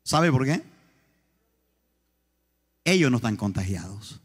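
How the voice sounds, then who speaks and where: A man's voice: mid-range voice, very animated, slow pace, husky, big-room sound. A man preaching a sermon as pastor, emphatic, asking the congregation questions again and again.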